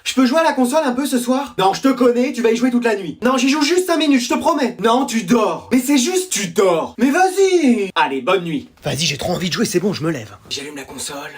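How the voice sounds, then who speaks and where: A comedian acting out short school and family sketches, switching quickly between characters. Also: mid-range voice, lively intonation. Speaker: sketch comedian playing all parts. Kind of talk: comedy sketch role-play.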